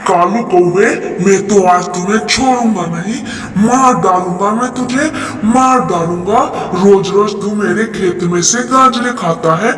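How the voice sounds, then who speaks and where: A man voicing an angry male kite who guards his farm in a cartoon story, with a gruff, threatening way of speaking. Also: sits high, unhurried, fairly bright tone, recorded from a distance, soft background music. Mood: furious. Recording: echoey roomy recording.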